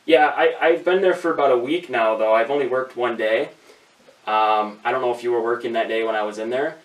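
A young guy who vlogs and makes prank calls chats in a rambling, deadpan way, his voice mid-pitched and brisk. He's in a small room at home, with the camera a few feet off, so the sound is distant and echoey.

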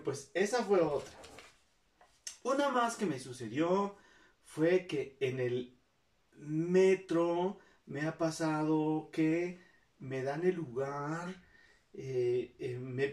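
A woman's voice: sits low, a little mellow. Chatty mexican woman telling stories, does little voices for people, sounds kinda far from the mic. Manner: chatty, acts out the people she quotes, many restarts. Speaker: vlogger. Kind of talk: casual storytelling to viewers. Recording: roomy, mic set back.

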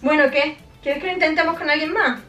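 Bright, high-voiced middle-aged woman. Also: quick pace. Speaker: mother co-hosting a prank video. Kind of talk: casual chat. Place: small bedroom, indoors. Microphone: camera a short distance away. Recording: echoey bedroom, distant mic, faint music.

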